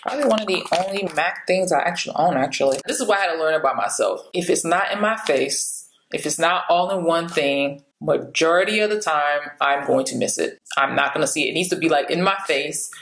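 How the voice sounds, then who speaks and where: A woman in her late thirties with a low voice talks openly and casually to her camera, chatty and frank, laughing easily. The sound bounces around a small room at home. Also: brisk, few pauses, fairly bright tone, roomy sound, low-quality recording. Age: 30s. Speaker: beauty vlogger.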